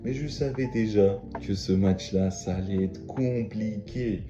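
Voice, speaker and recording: A man's voice: on the low side, unhurried. A young man casually talking through football matches and transfers as a video host, chatty and emphatic, with lots of fillers and restarts. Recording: dull lo-fi sound in an echoey room with faint music.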